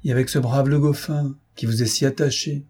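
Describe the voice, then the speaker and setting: A man voicing a gentle young daughter. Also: medium pitch, fairly even intonation, brisk, slightly rough, close to an everyday voice. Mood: tender. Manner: soft, earnest, ingenuous.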